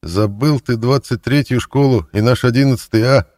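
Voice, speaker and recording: Streetwise prison thief, loud and cocky, pitched up; a man reads him. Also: normal speed, lightly acted.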